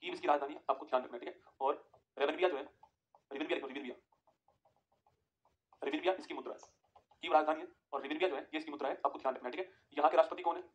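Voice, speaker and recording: A man's voice: a little high, racing, pauses often. A man teaching a live online geography class, dictating notes and asking his students again and again whether they follow. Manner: repetitive, keeps asking "ठीक है?"; addresses students as friends, gives dictation.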